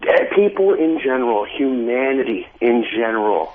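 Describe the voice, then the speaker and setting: A man's voice: medium pitch, big pitch swings, normal speed, crowd noise. A man calling a talk radio show, asking for advice in an earnest, rambling way that swears. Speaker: caller. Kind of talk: phone call to radio show. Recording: tinny phone line.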